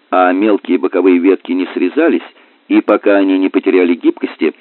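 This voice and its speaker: Deep-voiced male audiobook narrator. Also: no room sound. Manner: measured, even storytelling. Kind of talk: scripted narration of an adventure novel. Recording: dry, narrow phone-like sound.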